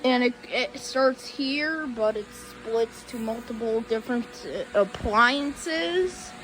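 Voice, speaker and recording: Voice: medium pitch, takes it slowly, fairly bright tone, a little hiss or hum, low-quality recording. An assistant casually explaining pieces of equipment in a homemade video. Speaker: assistant running the audio.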